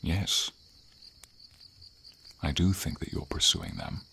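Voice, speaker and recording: Heavily acted, this scripted fantasy ASMR roleplay has a man playing a kind, wise dragon. His very deep, gravelly voice sounds earnest and encouraging as he delivers formal, slow, measured lines with thoughtful pauses. Light rain and night insects hiss steadily in the background.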